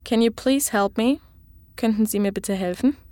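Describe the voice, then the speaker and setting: Clear-voiced woman modeling phrases. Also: fairly high pitch, dark tone, no echo, clean studio sound. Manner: clear, measured model pronunciation. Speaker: language tutor. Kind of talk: phrase-by-phrase language lesson.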